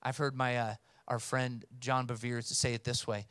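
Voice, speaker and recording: A man's voice: medium pitch, flat delivery, normal speed, clear, resonant tone, no echo, clean studio sound. A man in his thirties preaching a sermon as pastor, speaking emphatically into a handheld mic on a church stage and calling out to the congregation. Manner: emphatic, rising to loud calls for response. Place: church stage with blue lighting. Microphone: handheld microphone.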